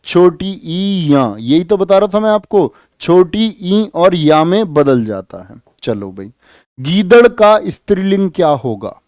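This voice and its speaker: Brief: male tutor, higher-pitched voice, dry close recording, quizzes the class and repeats himself. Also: slow, no echo. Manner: lively, repeats questions and prods students to answer. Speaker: Hindi grammar teacher for police exam students. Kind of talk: live online exam-prep class.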